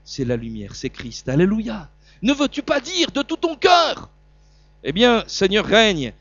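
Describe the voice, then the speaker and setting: A middle-aged man with a southern French accent preaching a sermon, stumbling and repeating words, swinging between loud emphasis and quiet asides. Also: high-pitched, wildly swooping pitch, unhurried, dry recording, highs cut off.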